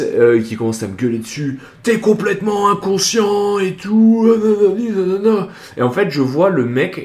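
A young man telling an army story to his podcast listeners in a slangy, animated way, full of fillers, with a mid-range voice. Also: mid-range voice. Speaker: podcast host. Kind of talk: casual storytelling. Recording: roomy echo.

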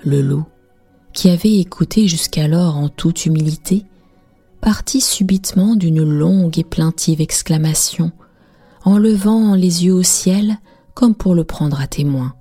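A woman narrating a bedtime fairy tale in a calm, measured reading. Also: fairly low pitch, slightly rough, faint music behind. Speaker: storyteller.

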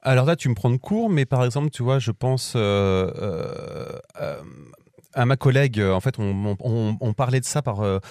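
A young French man guest in a casual interview, talkative and quick, tripping over restarts and fillers. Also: mid-range voice, animated, a little mellow, no room sound, clean studio sound. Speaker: podcast guest.

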